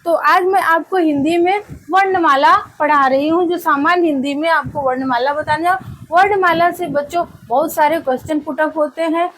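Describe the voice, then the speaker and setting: A woman's voice: high voice, normal speed, fairly bright tone, low-quality recording. A woman teacher telling a story to students as a lesson, often asking them rhetorical questions and calling them children. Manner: addresses listeners as children, asks rhetorical questions.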